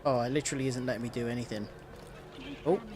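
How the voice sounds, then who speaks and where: A man's voice: medium pitch, fairly even intonation, quick pace. A man giving casual, off-the-cuff commentary as he plays a game live. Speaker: let's play streamer.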